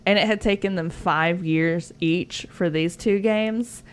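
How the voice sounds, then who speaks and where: A woman's voice: lowish voice, measured pace, clear, resonant tone. A woman co-hosting a podcast in casual chat, sharing facts in a chatty, giggly way with lots of "like" fillers. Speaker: podcast co-host.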